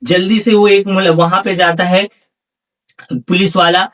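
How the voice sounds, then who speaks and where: A man's voice: high-pitched, flat delivery, measured pace, a bit bright. A man narrating a horror story in a casual spoken way, often calling his listeners "guys", recorded from a distance off the mic.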